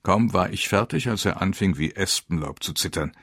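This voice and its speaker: A man giving grave, measured first-person narration of a war memoir. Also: deep voice, lively intonation, fairly bright tone, breathy edge, no echo, studio quality.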